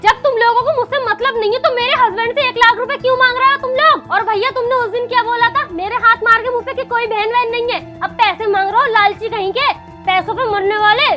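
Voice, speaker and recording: A woman's voice: extremely high pitch, steady tone, fairly quick, bright, forceful tone. An actress playing a defiant young wife who speaks out against her greedy family, over background music. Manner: indignant, outspoken. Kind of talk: web-series family drama acting.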